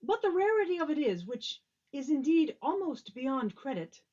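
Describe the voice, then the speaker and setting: Here a woman's high, sing-song voice with a darkish tone takes on the role of an earnest, optimistic, long-winded old courtier from Shakespeare, at a normal speed. The performance comes across as earnest and cheerful, though the recording sounds a little dull.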